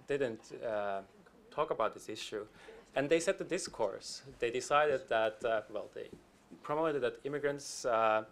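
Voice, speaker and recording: A man's voice: medium pitch, fairly bright tone, slight background noise. A man, answering as a panelist at a conference, talking conversationally with many fillers and restarts. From Finland. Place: conference hall.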